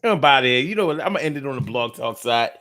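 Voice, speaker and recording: A man hosts a podcast, signing off casually late at night. His medium-pitched voice is animated, fast and sharp-toned as he riffs loosely and playfully, rambling along with heavy slang and lots of repetition.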